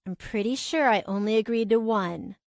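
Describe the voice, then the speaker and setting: A woman reading the part of a soft-spoken, self-deprecating young woman in an audiobook. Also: fairly high pitch, moderate pace, no room sound, clean studio sound, lightly acted. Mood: wry. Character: shy, wry young woman love interest.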